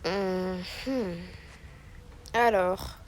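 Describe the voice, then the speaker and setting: A woman's voice: mid-range voice, extremely slow, slight background noise, voice pushed down. A woman voicing a sick young wife filming a vlog, talking weakly and tiredly, with music playing behind. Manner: weak, tired, slightly nauseous voice.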